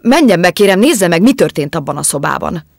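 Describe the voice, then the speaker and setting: A woman's voice: fairly low pitch, big pitch swings, gravelly, a little mellow, dry recording, studio quality, heavily acted. A woman voicing an anxious, tender young man in an audiobook, urgent and caring.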